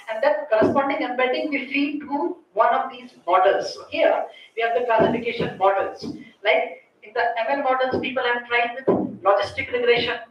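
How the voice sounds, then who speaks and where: A woman's voice: fairly high pitch, dull audio. A woman with an Indian accent giving a technical lecture as a conference speaker, explaining step by step and often checking in with short tag questions. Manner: explanatory, often ends points with checking tags like "right?" and "okay". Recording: distant mic, very echoey room, faint noise.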